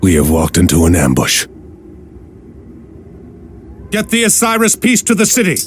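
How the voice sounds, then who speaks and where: An actor playing an earnest, steadfast military commander in a video game, with a commanding manner. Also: male voice, low voice, huge pitch swings, normal speed. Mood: urgent. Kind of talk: dramatic video game acting. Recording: clear ambient noise behind.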